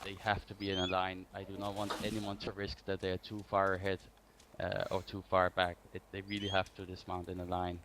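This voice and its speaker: Deep-ish guy explaining drills to his team, kinda hesitant, bit of noise and clicks. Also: monotone, fairly quick, few pauses, fairly bright tone. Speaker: instructor of armored vehicle drills. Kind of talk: informal tactical briefing. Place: online game voice chat.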